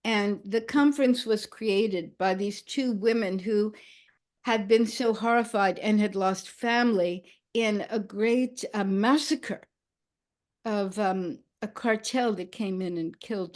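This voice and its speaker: An older woman storyteller speaking slowly and reflectively, with frequent pauses and soft fillers. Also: mid-range voice. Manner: slow, thoughtful, with many pauses and fillers.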